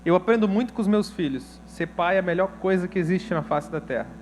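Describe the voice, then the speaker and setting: A high-pitched Brazilian pastor preaching a sermon to his church. He tells his story with feeling and casual slang. His voice sits notably high for a man. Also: a little fast, slight background noise. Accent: Brazilian Portuguese. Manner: emotional, storytelling with slang and acted quotes.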